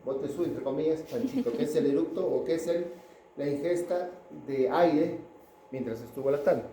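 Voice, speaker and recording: A man's voice: a little high, moderate pace, warm tone, echoey room, a little hiss or hum, rough recording. A man giving a pediatrics class lecture, chatting with students and asking them questions.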